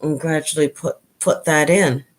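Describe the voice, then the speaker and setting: A middle-aged woman hosting a casual home chat, talking in a relaxed, hesitant way. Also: low-pitched, moderate pace. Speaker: channel host.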